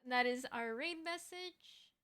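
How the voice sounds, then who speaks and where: With a high-pitched, smooth and fairly bright voice at a measured pace, a VTuber streamer chats casually and cheerfully with her livestream audience. She's a little tired, and the weariness leaves her slightly raspy.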